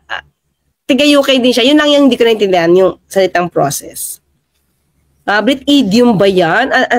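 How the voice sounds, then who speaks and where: Filipino woman, casual streamer, reads comments and tosses in rhetorical questions; higher voice, dry. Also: no room sound. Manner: chatty, thanks viewers by name, asks rhetorical "diba?". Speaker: livestream host reading viewer comments.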